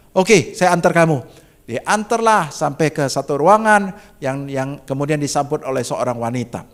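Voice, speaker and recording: Indonesian pastor, middle-aged man, high voice, story-driven sermon with big dynamic swings. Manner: dramatic swings from soft to loud and high; addresses congregation as "saudaraku".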